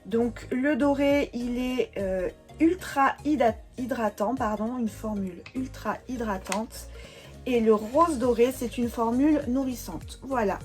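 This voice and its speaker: Chatty young woman showing beauty buys. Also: a little high. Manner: chatty, hesitant with many fillers, enthusiastic. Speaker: beauty vlogger. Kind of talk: casual haul video chat.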